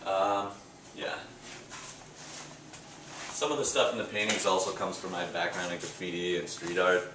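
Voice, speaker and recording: Low-voiced young man in an echoey gallery. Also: moderate pace, long pauses, background noise. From Canada. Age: young adult. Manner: relaxed, rambling, with fillers and restarts. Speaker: painter interviewed at his exhibit. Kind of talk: casual interview answers. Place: art gallery indoors. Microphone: handheld camera close by.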